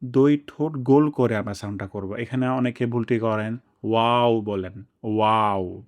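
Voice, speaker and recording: A man teaching the pronunciation of letters, explaining mouth positions and drawing each sound out slowly for students to copy. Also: medium pitch, a little mellow. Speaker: Quran recitation teacher. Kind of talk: pronunciation lesson.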